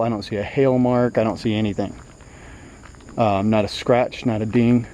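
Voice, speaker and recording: Loud outdoor noise surrounds a classic car dealer whose voice is on the low side as he shows off an old car. He gives a casual walkaround, easygoing and rambling, with plenty of fillers.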